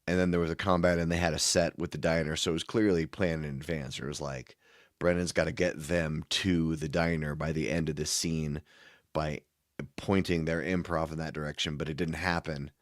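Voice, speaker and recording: Casting: man, very low voice, dry close sound, rambling podcast chat. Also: steady tone, moderate pace, no echo. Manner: rambling, many fillers and restarts. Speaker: podcast co-host. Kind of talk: casual chat.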